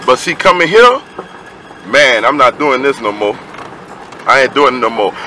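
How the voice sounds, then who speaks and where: A man's voice: medium pitch, lively intonation, normal speed, bright, forceful tone, a little hiss or hum, low-quality recording. A young man vlogging at night, chatting loosely with friends, rambling and swearing with many fillers. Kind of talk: casual chat with friends. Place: night road and car.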